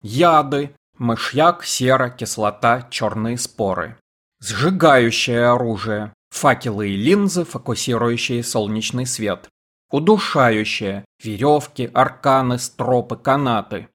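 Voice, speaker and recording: A man reading an audiobook voices a weary, evasive priest who gives curt, reluctant answers in a low, subdued voice. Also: animated, slow, a bit bright. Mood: listing. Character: weary naked male priest, terse and evasive.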